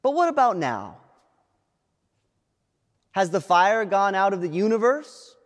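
Pastor guy preaching, high voice that swings all over, long echo in the church. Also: sing-song. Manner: dramatic preaching with long pauses and repeated refrains. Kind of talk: sermon. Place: church sanctuary.

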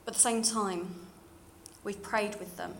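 This church testimony comes from a young London woman whose modern British accent has a slight RP edge. She talks a little slowly with fairly even intonation at a medium pitch, sounding earnest and plain-spoken. Background noise and room ambience are clearly present.

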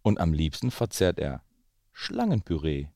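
A man's voice: sits low, sing-song, a little slow, dry recording, full character voice. Guy doing a bold little mouse, storybook voice, bouncy rhymes, dry sound. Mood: confident. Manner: brightly recited rhyming lines.

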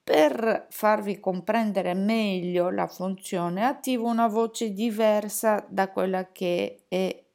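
A woman's voice: mid-range voice, fairly even intonation, slow pace, gravelly, few pauses, a little mellow. A woman explaining phone settings step by step in a tutorial, with fillers and self-corrections. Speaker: teacher demonstrating a phone.

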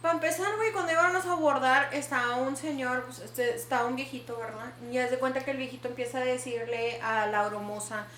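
Brief: female podcast host, high bright voice, animated code-switching storyteller, echoey room. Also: a little fast, few pauses, slight background noise. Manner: animated, dramatic storyteller switching between Spanish and English. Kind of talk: casual storytelling chat. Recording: echoey room with faint ambience.

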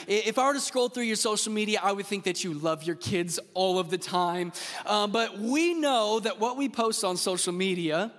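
A man in his thirties preaching a sermon from a church stage, a lively, joking storyteller who talks straight to the crowd. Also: sits high. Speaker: pastor. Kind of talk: sermon with personal stories. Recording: long hall reverb.

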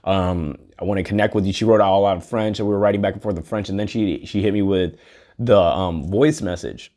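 Lowish-voiced man musing aloud. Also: steady tone, fairly quick, a little mellow. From United States. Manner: earnest, rambling, swears casually. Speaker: podcast host. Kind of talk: casual solo monologue.

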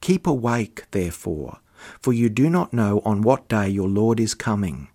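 A man, a clergyman, delivering scripture readings and a homily in a measured liturgical style. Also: fairly low pitch, animated, mellow.

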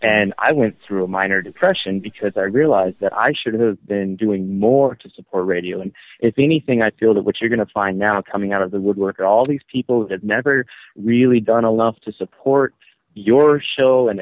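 Thirties male radio show caller on a tinny phone line, earnest, restarts often, low-ish voice. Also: no room sound. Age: 30s. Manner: earnest, halting, with many restarts. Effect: phone-line call-in audio. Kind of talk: casual call-in chat.

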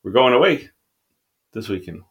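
Podcast dad: deep, gravelly middle-aged man, patient questioner. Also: sing-song, moderate pace, dull audio, a little hiss or hum. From Mexican background. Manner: gentle, prompting questions, many restarts. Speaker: podcast co-host, father. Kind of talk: casual family podcast chat.

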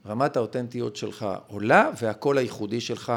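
A male podcast guest explaining his ideas in an emphatic, lecturing way. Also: medium pitch. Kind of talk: conversational explanation.

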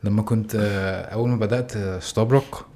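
A quick-talking man with an Egyptian Arabic accent and a somewhat low voice. He hosts a casual podcast chat, informal and self-deprecating. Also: steady tone, darkish tone. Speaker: podcast host.

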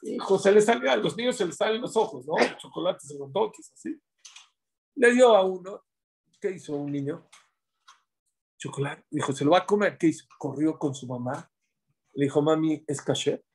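A man giving a religious class, preaching in an animated way and acting out the quotes in his stories. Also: a little high, normal speed, vocal fry, pauses often, breathy edge. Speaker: religious teacher.

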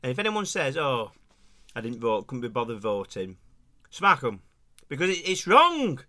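A man's voice: medium pitch, wildly swooping pitch, moderate pace, bright, forceful tone. A man playing a blunt, hot-headed conspiracy-group member, bursting into indignant rants. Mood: earnest. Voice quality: ranting, indignant outbursts. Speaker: assistant co-host. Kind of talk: comic character podcast.

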